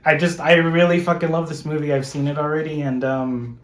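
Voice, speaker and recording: A man with a slightly high voice rambles casually about his favorite films, full of fillers and loose swearing. He sounds relaxed and unpolished, in a roomy room with plenty of echo. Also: a little fast. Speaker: guest showing his film haul. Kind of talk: casual film chat. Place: room in a home.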